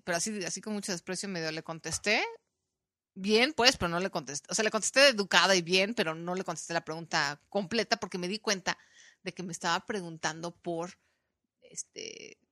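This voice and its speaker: A woman's voice: on the low side, dry recording, clean studio sound. A woman with a Mexican accent hosting a podcast, chatting casually and acting out the people in her story. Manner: animated storytelling, acting out quoted voices. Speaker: podcast host. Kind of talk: casual chat.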